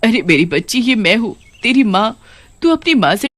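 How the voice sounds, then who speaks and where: A woman's voice: fairly high pitch, big pitch swings, normal speed, fairly bright tone. A woman voicing a widowed mother who has become a witch ghost in a cartoon, speaking in a lamenting, emotional way. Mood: tender.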